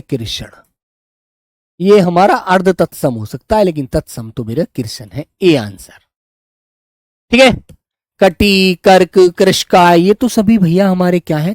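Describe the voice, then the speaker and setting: In a clean, dry studio recording, a man with a high, somewhat mellow voice teaches a live online quiz class. He coaxes his students along as he works through the answers, calling them "beta."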